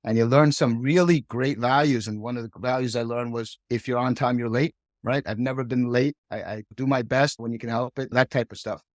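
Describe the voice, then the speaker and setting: A man's voice: mid-range voice, steady tone, fairly quick, hardly any pauses, no room sound, studio quality. A middle-aged man from Hong Kong, a podcast guest, telling his career story in a chatty way and tagging many sentences with "right?". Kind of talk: casual storytelling.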